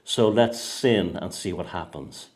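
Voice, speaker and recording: In a low voice and at a measured pace, an author and host from Ireland holds a casual conversation, rambling and often restarting or repeating words.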